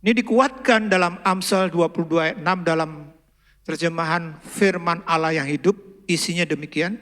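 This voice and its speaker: A middle-aged male pastor with an Indonesian accent, preaching a sermon and telling family stories, moving from loud emphasis to soft asides. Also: a little high, normal speed, in a large hall. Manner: storytelling, acts out dialogue, swings from loud emphasis to soft asides. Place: large church hall.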